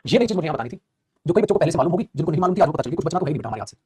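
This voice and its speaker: A man teaching English grammar in a live online class, energetic and chatty, calling his students "beta". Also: on the high side, racing, breathy edge.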